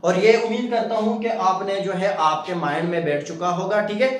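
High-voiced male teacher in an echoey room. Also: fairly quick. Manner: repeats "theek hai" as a verbal tic, asks the viewer rhetorical questions. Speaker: English teacher. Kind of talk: casual video lesson.

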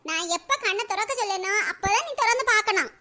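A woman voicing an older village mother-in-law in a comedy cartoon, with a Kanyakumari Tamil accent and a shrill, squeaky voice. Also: animated, fast, bright, forceful tone, full character voice. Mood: coaxing. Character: scheming old mother-in-law turned loving, village woman.

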